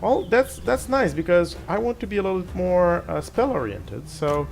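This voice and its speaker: Here a middle-aged man, French by first language, runs a gaming channel and chats casually through his gameplay. His expressive voice sits high and creaky and moves at an ordinary speed, full of restarts and self-mocking little asides. Game music fills the background.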